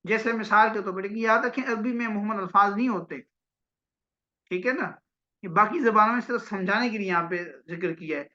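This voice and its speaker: A man gives a classroom grammar lecture in a bright, forceful voice, asking questions and answering them himself. He often checks that the class is following and slows down to recite Arabic phrases. The recording is dull and lo-fi. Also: high-pitched. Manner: explains step by step, asks and answers his own questions. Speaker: religious studies teacher. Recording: dull lo-fi audio.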